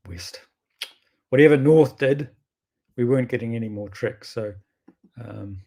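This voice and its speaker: A man's voice: medium pitch, unhurried, warm tone. Man with a broad Kiwi accent. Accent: strong New Zealand. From New Zealand. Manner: informal, rambling, self-correcting. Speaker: bridge player presenting his own videos. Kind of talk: casual thinking-aloud game commentary.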